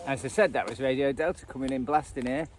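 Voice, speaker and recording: Speaking quickly at a medium pitch, this radio hobbyist and video host rambles through off-the-cuff commentary with a self-deprecating streak. Radio static and traffic noise fill the outdoor recording.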